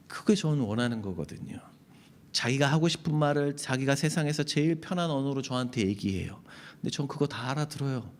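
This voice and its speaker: A middle-aged man preaching a Sunday sermon as a pastor. He talks directly and conversationally to the congregation, dropping to near-whispers and then rising to emphatic peaks. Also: mid-range voice. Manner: swings between hushed, near-whispered asides and raised, emphatic peaks.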